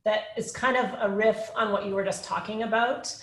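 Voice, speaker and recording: A woman's voice: mid-range voice, fairly even intonation, fairly quick, fairly bright tone, a little hiss or hum. Hesitant woman teacher in an echoey room. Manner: hesitant, searching for words. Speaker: teacher asking a question. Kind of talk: online Q&A question.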